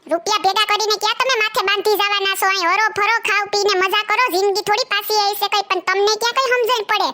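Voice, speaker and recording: A woman's voice: extremely high pitch, steady tone, quick pace, few pauses, bright, forceful tone. A woman playing a nagging young wife who scolds and complains sarcastically, speaking. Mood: scolding.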